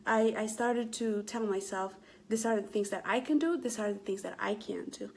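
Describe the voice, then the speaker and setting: A woman's voice: mid-range voice, normal speed, gravelly, slight background noise. A middle-aged woman from Ethiopia hosting a casual live stream, talking earnestly to viewers with many fillers and restarts. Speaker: Facebook Live motivational host.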